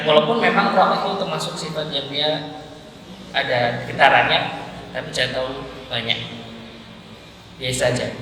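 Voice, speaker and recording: A man's voice: medium pitch, pushed and bright. A man with a Javanese Indonesian accent teaching Quran recitation at a mosque class, patiently drilling syllables aloud by repetition. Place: large mosque hall. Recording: echoey mosque hall with crowd.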